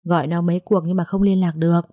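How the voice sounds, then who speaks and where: A woman voicing a carefree, slow-witted rich young man in an audiobook story. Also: on the low side, little pitch movement, mellow, no echo, studio quality, lightly acted. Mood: lazy. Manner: lazy, carefree.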